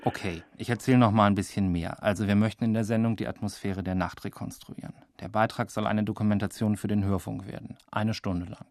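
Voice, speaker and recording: A man's voice: on the low side, steady tone, a little fast, few pauses, a little mellow, no room sound, studio quality. A male radio journalist asking polite, probing questions on a phone call. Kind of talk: phone interview.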